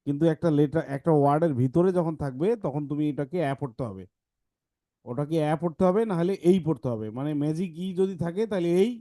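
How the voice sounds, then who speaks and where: Male teacher, patient explainer, mellow voice, dry close sound. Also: a little high, no echo. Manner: explains patiently, reads examples slowly. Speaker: English teacher. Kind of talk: online class talk to kids.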